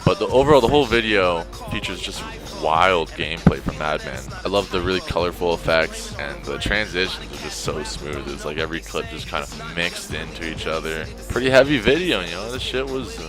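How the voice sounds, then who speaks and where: A man's voice: low voice, a little fast, hardly any pauses, over music. A man hosting a countdown, talking in a loose, rambling way full of "like" and "you know". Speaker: video host ranking montages. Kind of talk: casual countdown commentary.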